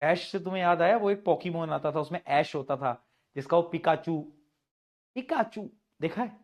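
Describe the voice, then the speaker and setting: A man, teaching an online class in a chatty, teasing way and reading questions out slowly. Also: fairly high pitch, lo-fi sound. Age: 20s. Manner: chatty, teasing, jokes with students.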